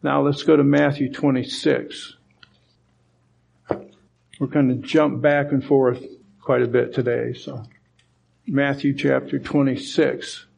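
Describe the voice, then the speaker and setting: A man's voice: medium pitch, little pitch movement, slow, vocal fry, pauses often, darkish tone, a little hiss or hum. A man preaching a sermon, reading scripture aloud and explaining it with emphasis. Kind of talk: sermon Bible teaching.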